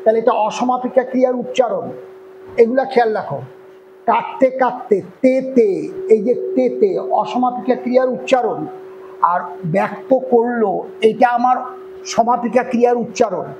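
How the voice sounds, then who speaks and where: A man teaching an online grammar lesson with a Bengali accent, explaining step by step and often checking whether the point is clear. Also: very high-pitched, fairly even intonation, normal speed, noisy background.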